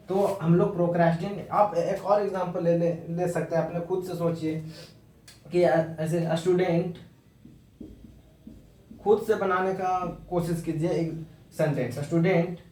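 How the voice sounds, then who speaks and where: In an echoey room, a man with a slightly high, dark-toned voice teaches English vocabulary informally, recorded from afar. He goes slowly, mixing Hindi with English, repeating each word and spelling it out.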